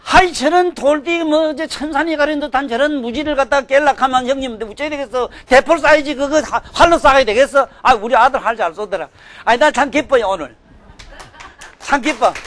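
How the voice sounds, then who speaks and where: Older guy preaching, high voice, scolds loud then mutters low. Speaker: Buddhist dharma teacher. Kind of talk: sermon.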